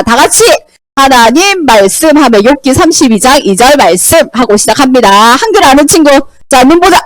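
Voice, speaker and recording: A woman teaching a children's Sunday school Bible lesson, animated and asking the children questions. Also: high-pitched, no room sound, low-quality recording. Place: church classroom.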